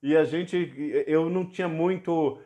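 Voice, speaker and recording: A middle-aged bishop with a Brazilian Portuguese accent shares his testimony as a podcast guest. His delivery is earnest and rises into fervor when he speaks of miracles. His voice sits a touch higher than most men's. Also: fairly even intonation, unhurried, dark tone. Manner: earnest, grows fervent when recounting miracles. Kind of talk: personal testimony in a church podcast.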